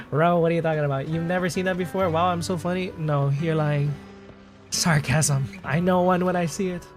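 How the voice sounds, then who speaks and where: A man's voice: on the high side, fairly even intonation, moderate pace, pauses often, soft background music. A man casually reacting to a video game, hyper and joking, swearing and laughing a lot.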